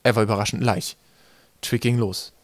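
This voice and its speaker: A man reading an audiobook in calm, steady narration. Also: on the low side, normal speed, dry recording, studio quality. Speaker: audiobook reader. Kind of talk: scripted narration.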